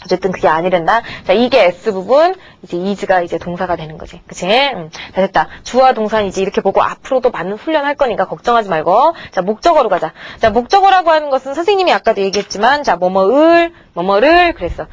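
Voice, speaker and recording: A woman's voice: mid-range voice, animated, quick pace, hardly any pauses, muffled recording. A woman teacher giving a grammar lecture to middle-school students, chatty and coaxing, checking in with her class again and again. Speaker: English teacher.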